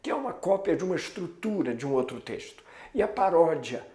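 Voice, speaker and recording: A male teacher delivers a lecture in a slightly high voice, leaning on words for emphasis. The sound rings with room echo. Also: sing-song, fairly quick, warm tone. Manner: didactic, emphatic, varies pace for stress. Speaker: Portuguese teacher. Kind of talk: recorded classroom lecture.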